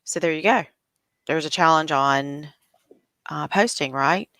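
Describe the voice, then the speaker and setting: Woman livestream host, low-ish bright voice, dry close mic, chatty, sucking a cough drop. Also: unhurried, no echo. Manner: chatty, troubleshooting aloud. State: talking with a cough drop in her mouth. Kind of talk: casual live interview.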